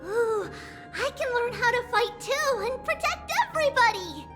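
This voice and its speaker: A woman's voice: very high voice, expressive, moderate pace. An actress playing an eager, childlike little girl in a game, exclamatory and a bit boastful. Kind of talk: scripted game dialogue. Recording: long reverb, music behind.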